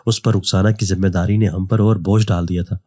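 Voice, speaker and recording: A man reading a horror story aloud as scripted first-person narration, in a steady even delivery. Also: low voice, no room sound, clean studio sound.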